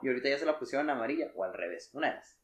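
A man's voice: mid-range voice, animated, racing, roomy sound, crowd noise. A young man with a Mexican Spanish accent co-hosting a casual podcast chat, joking and slangy. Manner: joking, slangy, mimics voices. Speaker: podcast co-host.

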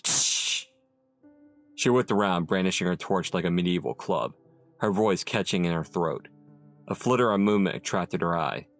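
A man narrates a dark story in a very low, gravelly voice. Soft instrumental music plays underneath his measured, dramatic reading. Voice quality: gravelly, very deep.

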